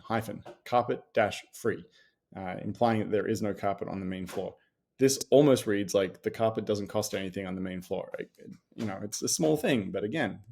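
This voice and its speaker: A man's voice: on the low side, creaky, a little mellow. A man with an Australian accent gives a casual, wry critique of property listings, full of sarcastic asides and fillers. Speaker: real estate commentator.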